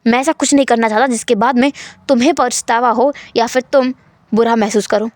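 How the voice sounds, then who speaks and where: A woman voicing a cold, teasing, dominant young husband in a storytelling fan fiction, speaking low, calm and insistent. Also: a little fast, no room sound, lightly acted.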